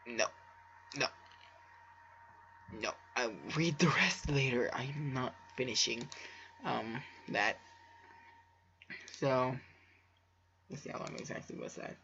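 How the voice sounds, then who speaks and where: Reading a story aloud for a video, an amateur fan fiction creator stumbles over words and breaks off into casual asides. He speaks slowly at a medium pitch with long pauses and a sharp tone, and slight background noise sits under the dull lo-fi home recording.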